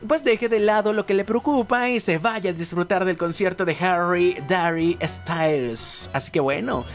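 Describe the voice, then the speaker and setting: A man's voice: high voice, normal speed, soft background music. A man hosting a morning radio show with a Mexican Spanish accent, chatty and promotional. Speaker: radio host. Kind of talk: upbeat radio presenting.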